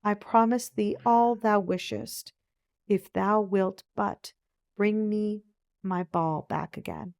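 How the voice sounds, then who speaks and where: A woman's voice: mid-range voice, fairly even intonation, takes it slowly, gravelly, a little mellow, no room sound, studio quality. Woman reading as a spoiled young storybook princess. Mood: eager promising. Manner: archaic, careful speech. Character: spoiled, fickle young princess in a fairy tale. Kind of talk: storybook read-aloud.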